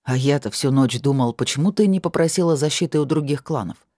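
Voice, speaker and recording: A narrator voicing a grim, imposing dragon-blooded man who speaks quietly and measuredly. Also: medium pitch, a little fast, dry recording, studio quality, lightly acted. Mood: grave.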